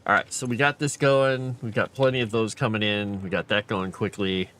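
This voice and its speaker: This is casual live-stream commentary from a tired man playing a game late at night, chatting with viewers and thinking aloud. He speaks at a moderate pace in a lowish, slightly bright voice with fairly even intonation.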